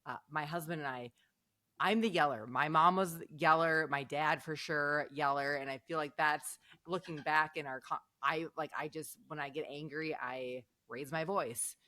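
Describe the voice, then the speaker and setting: Low-voiced woman, dry close sound. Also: normal speed, dry recording. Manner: animated storyteller, laughs often. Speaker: podcast co-host. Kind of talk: casual chat.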